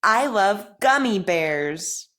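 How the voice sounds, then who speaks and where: Here a woman acts as a speech teacher guiding an articulation drill, exaggerating her enunciation of practice sentences deliberately and supportively. Her pitch is medium, her delivery expressive, and her tone fairly bright.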